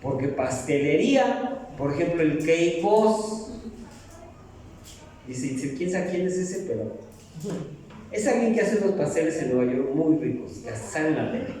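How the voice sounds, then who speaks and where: A man's voice: a little high, very animated, unhurried, long pauses, mellow, far from the mic, a little hiss or hum. A middle-aged man preaching a sermon in a church, joking and asking the congregation questions. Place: church hall. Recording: echoey hall, mic from afar.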